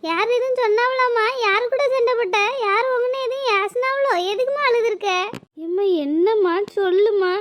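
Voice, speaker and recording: A woman's voice: very high voice, normal speed, long pauses, no echo. A woman voicing caring schoolchildren in a cartoon, asking anxious, pleading questions. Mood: concerned. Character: caring schoolchildren fussing over their mother. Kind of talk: cartoon voice acting.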